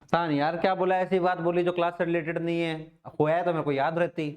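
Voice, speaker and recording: A man's voice: fairly high pitch, level tone, fast. A man teaching physics in a casual classroom lecture, repeating questions to his students.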